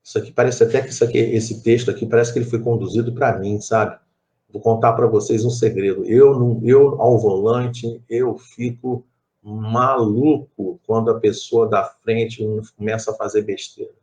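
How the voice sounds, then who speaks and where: Steady and mellow, a lowish male voice at a moderate pace comes through a muffled recording. The speaker, a middle-aged Brazilian with a Rio de Janeiro accent, leads a spiritist study group, telling stories rich in asides and repeated phrases.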